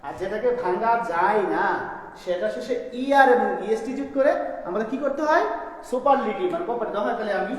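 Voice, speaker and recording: A man's voice: high voice, expressive, fairly quick. Male teacher, classroom lesson, keeps asking questions, long hall-like reverb. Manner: explains step by step with repeated questions to students. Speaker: school teacher. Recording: echoey room, long reverb.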